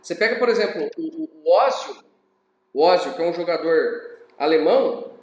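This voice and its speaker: A man's voice: a little high, lively intonation, moderate pace, a little mellow, reverberant. A man teaching a recorded class lecture in a conversational way, often checking in with tag questions.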